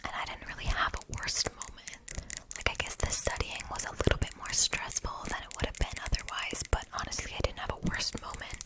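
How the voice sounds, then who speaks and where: A woman's voice: fairly quick, low-quality recording. Young woman whispering, chatty ASMR. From Germany. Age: 20s. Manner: soft unvoiced whisper, chatty with fillers. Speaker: ASMR YouTuber.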